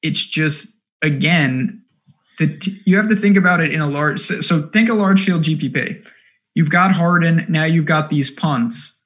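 Man, fantasy sports co-host, casual chat, quick bursts, lots of fillers, slightly high voice. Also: fairly bright tone.

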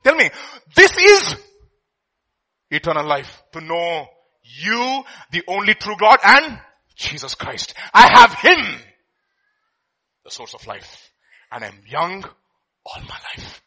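A man's voice: sits high, huge pitch swings, slow pace, pauses often, sharp tone. A middle-aged man with an Indian accent preaching an impassioned sermon, with emphatic repetition and rhetorical questions. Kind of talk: impassioned sermon with scripture quotes and questions to congregation.

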